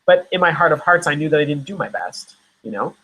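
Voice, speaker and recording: A man's voice: a little high, animated, a little fast, pushed and bright, low-quality recording. A young man from Nova Scotia, an actor guest in a casual interview, talking in a rambling way with many fillers and restarts. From Nova Scotia, Canada.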